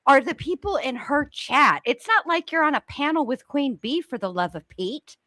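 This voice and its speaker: A woman co-hosting a commentary stream, sassy and animated. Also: high-pitched, normal speed, no room sound. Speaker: co-host. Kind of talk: casual commentary chat.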